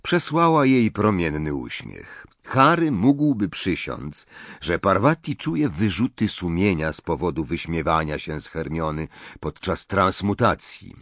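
A man narrating a novel in an expressive storytelling manner, switching into many voices. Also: low-pitched, a little slow, no echo. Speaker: audiobook narrator.

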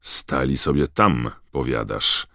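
A man's voice: a bass voice, lively intonation, slow pace, fairly bright tone, no echo, studio quality, heavily acted. A man doing a cold, harsh ministry official. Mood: suspicious. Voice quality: cold and rough. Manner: barking accusations. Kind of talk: audiobook character voice.

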